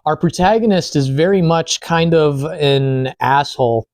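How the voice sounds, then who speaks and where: A man's voice: fairly high pitch, a little slow, a little mellow, dry recording. Casual man reviewing, close dry sound. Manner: informal, lightly profane. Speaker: film reviewer. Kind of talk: casual film review chat while eating.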